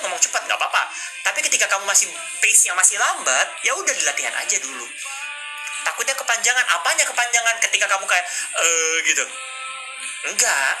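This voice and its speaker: A man hosting a casual live stream, coaching viewers on public speaking and mixing English phrases into his talk. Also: high-pitched. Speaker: livestream host. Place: indoors at a desk with a laptop.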